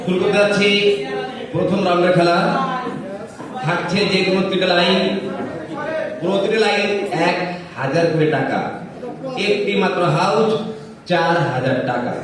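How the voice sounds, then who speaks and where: A man's voice: high voice, moderate pace, long pauses. A man with a Bangladeshi accent works as a bingo caller, announcing clue phrases and then numbers digit by digit to players at a housie game. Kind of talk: housie number calling at a live picnic event. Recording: echoey hall from far off, crowd chatter. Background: chatter of players.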